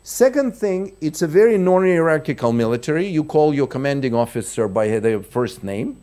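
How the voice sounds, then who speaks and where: A middle-aged keynote speaker from Russia addresses a big conference hall through a lectern mic, with a warm voice that sits slightly high for a man. Animated and at a moderate pace, he works through his points one by one, often halting, starting over and repeating himself.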